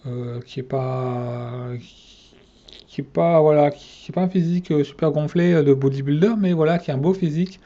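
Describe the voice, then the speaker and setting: A man's voice: fairly high pitch, moderate pace, dark tone, dull audio. A man ranking his favourite fitness channels in a casual vlog, hesitant and full of fillers and restarts.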